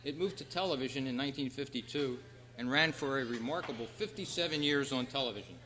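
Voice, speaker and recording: Hosting a live quiz and giving club announcements, a man addresses a room of people in a big convention meeting room. He speaks quickly at a medium pitch, bright and forceful. Long reverb fills the echoey hall.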